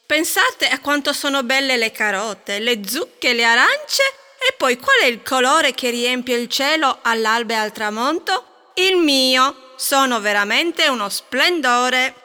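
A woman's voice: high voice, lively intonation, a little slow, sharp tone, clear, resonant tone, in a large hall, full character voice. A woman voicing the color orange as a vain, indignant boaster in a storybook tale.

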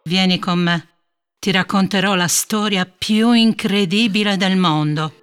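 A wise old grandmother speaks gently and tells an old tale in a storybook story, as a woman acts her out. Her voice is mid-pitched and even, warmly unhurried in its telling. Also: natural voice. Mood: tender.

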